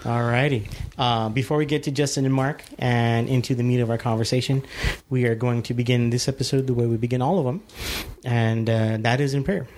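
A male podcast host talks casually in a medium-pitched voice. He rambles informally and corrects himself as he goes. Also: fairly even intonation, a little fast, hardly any pauses, a little mellow. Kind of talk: casual chat.

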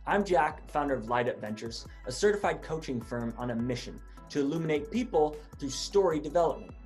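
Male podcast host on a video call, friendly and scripted, light music bed, voice on the high side. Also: expressive, brisk, darkish tone. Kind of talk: interview hosting.

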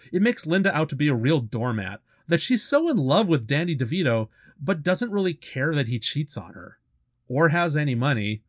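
A man's voice: a little high, no room sound. Guy snarking through a movie plot recap, dry sound, no room. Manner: wry, sarcastic asides. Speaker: movie reviewer. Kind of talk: casual movie recap commentary.

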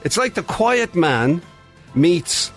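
A man with an Irish accent and a slightly high voice hosts casual radio chat. He is conversational and lightly teasing, with faint music around the talk. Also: sing-song, takes it slowly. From Ireland. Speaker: radio host.

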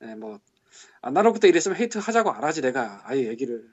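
On a lo-fi casual podcast, a game translator and co-host grumbles in exasperation and swears quietly as he vents. His medium-pitched voice is very animated, fast, a little mellow, and slightly rough.

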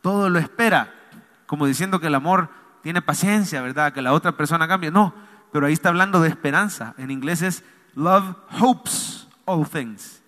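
A man's voice: a little high, fast, sharp tone. A man, a pastor preaching a sermon with call-and-response, pleading and emphatic, in a church hall. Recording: long hall reverb.

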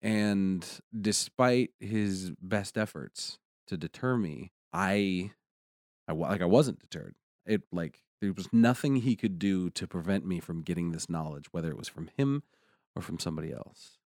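A man co-hosting a casual conversation, telling a personal story animatedly, with excited peaks. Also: sits low, measured pace, no echo, clean studio sound.

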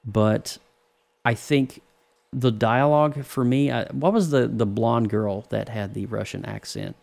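Male podcast co-host, gravelly, casual and rambling, restarts a lot. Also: medium pitch, steady tone, measured pace, darkish tone. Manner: rambling, many restarts, laughs often. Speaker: podcast co-host, film reviewer. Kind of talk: casual chat.

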